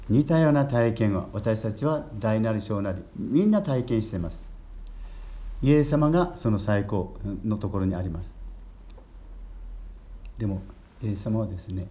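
Older priest preaching in a low voice. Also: male voice. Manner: gentle storytelling preacher, rising emphasis on key words. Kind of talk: sermon.

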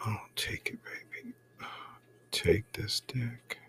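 A man doing an intimate whispered role-play right in your ear, breathy and coaxing, close to the mic. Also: very animated, slow, bright, forceful tone. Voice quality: breathy, mostly whispered low voice.

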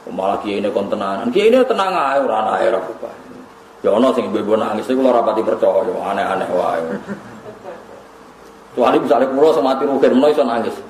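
A man's voice: lowish voice, animated, fast, a little mellow, reverberant, slight background noise, rough recording. A man with a Javanese accent preaching a sermon, telling stories with laughter and reciting Arabic verses. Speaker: Islamic preacher. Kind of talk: sermon to a gathering.

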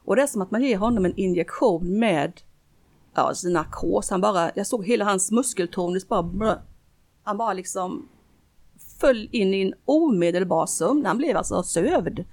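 A woman's voice: mid-range voice, lively intonation, darkish tone. A middle-aged woman, a guest, telling a personal story earnestly in casual conversation, with frequent restarts. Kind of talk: casual interview talk.

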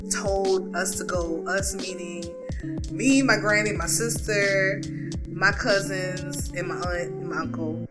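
A woman in casual conversation, easygoing and chatty, laughing between phrases. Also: medium pitch. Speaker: podcast co-host. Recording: music clearly behind voice.

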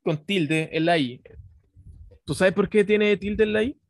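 Teasing Chilean man with a higher voice. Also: a little slow, no echo, clean studio sound. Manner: joking, teasing, reads definitions aloud. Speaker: podcast co-host. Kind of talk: casual podcast banter.

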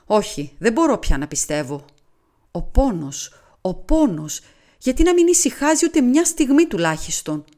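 A woman's voice: lowish voice, sing-song, mellow. A woman voicing a weary, tormented dying man in an audiobook, with pained, pleading words. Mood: anguished.

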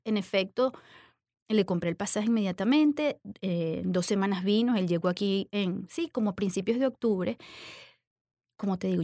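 A woman's voice: medium pitch, dark tone, dry recording, studio quality. A middle-aged woman with a Venezuelan Spanish accent, telling a personal story in a confiding tone, full of fillers and tag questions. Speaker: interviewee.

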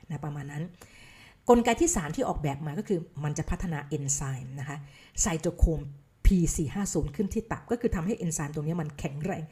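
A woman's voice: low voice, expressive, quick pace, warm tone. A woman giving a casual spoken lecture on health science. She explains in a chatty way, drops English science terms into her talk and checks in with her listeners. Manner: asks listeners rhetorical checks. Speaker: health educator.

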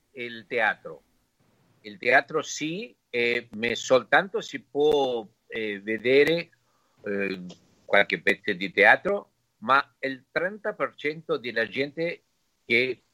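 A man from Argentina speaking with an Argentine Spanish accent as a native Spanish speaker, halting and searching for words in a casual interview. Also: mid-range voice, expressive, sharp tone, no room sound, low-quality recording. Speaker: interview guest.

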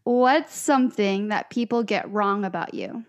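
A woman's voice: medium pitch, measured pace. A woman co-hosting a podcast, asking interview questions in a playful, encouraging way and laughing along with her guest. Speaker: podcast co-host. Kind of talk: casual conversational interview.

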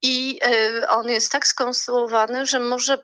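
A woman calls in over a landline phone as an expert guest. Her voice is bright and tense, and her delivery is slow and halting, with frequent pauses and fillers. The sound is dry, with no room around it. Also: a little high, little pitch movement, smooth, dry recording. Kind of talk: phone-in interview commentary.

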